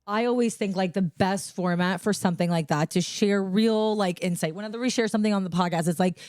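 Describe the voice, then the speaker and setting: A woman's voice: medium pitch, a little fast, darkish tone, dry recording, clean studio sound. A woman co-hosting a podcast, chatty and upbeat, full of "like". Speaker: podcast co-host. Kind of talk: casual chat.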